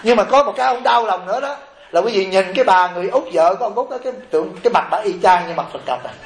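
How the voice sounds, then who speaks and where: A Buddhist monk gives an animated dharma talk in a high voice, constantly turning questions back to the congregation. The sound carries through an echoey room. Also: male voice, racing. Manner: animated, keeps asking the audience questions. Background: audience laughter.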